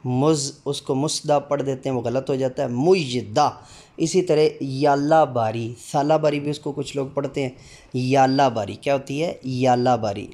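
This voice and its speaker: A middle-aged man teaching a lesson on the alphabet, stopping often with fillers and then calling out letters one by one in a drawn-out way. His pitch sits in the middle of the male range. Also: mellow. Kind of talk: teaching the Urdu alphabet aloud.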